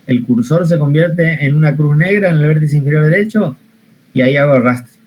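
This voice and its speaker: A man's voice: a little high, fairly quick, a little mellow, a little hiss or hum, rough recording. A man teaching an online spreadsheet class, patient, repeating each step and asking the class questions. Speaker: computer science teacher.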